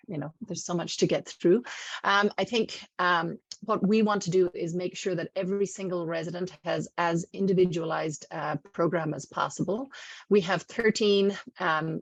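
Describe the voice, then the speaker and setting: A middle-aged woman who directs a residency program, and who isn't from the Midwest, gives a casual webinar talk over a video call. She's warm and chatty, full of ums, fillers, and asides. Her voice is fairly low, with no room sound, and the recording is rough.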